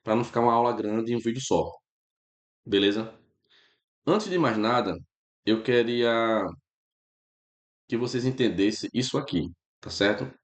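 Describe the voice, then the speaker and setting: A man with a Brazilian Portuguese accent gives a relaxed, casual grammar lesson and keeps checking in with his students. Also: medium pitch, normal speed, pauses often, roomy sound. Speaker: teacher.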